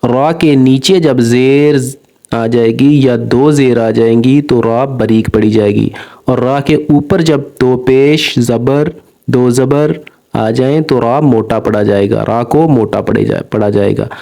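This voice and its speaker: A man teaching Quran recitation, spelling out each letter and syllable and then drawing out the joined word slowly and patiently. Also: medium pitch, creaky, warm tone.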